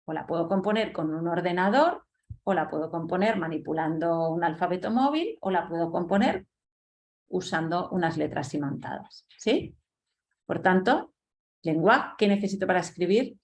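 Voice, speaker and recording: Slightly low-voiced woman teaching a webinar. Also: a little mellow. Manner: didactic, checks in with frequent "¿sí?", sounds out letters slowly. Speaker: webinar presenter on literacy. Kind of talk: lecture webinar.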